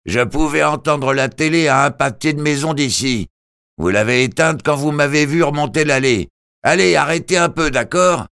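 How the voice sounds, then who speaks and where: A man's voice: fairly high pitch, normal speed, vocal fry, smooth, no room sound, clean studio sound, voice pushed up. A man voicing a weary, sardonic male debt collector who calls out insistently. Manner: insistent, calling out loudly.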